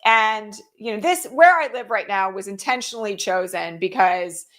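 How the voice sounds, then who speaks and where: A middle-aged woman hosting an online broadcast, telling a story in a casual, animated way with lots of fillers. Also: medium pitch, normal speed. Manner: animated, heavy use of fillers like "like" and "um"; voice rises sharply when quoting shouted words. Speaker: host.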